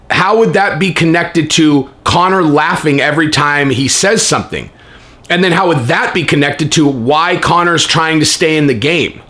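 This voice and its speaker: Higher-pitched man on an incredulous rant. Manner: animated, incredulous ranting with repeated rhetorical questions. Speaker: host of an MMA commentary channel. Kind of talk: casual, profane reaction commentary.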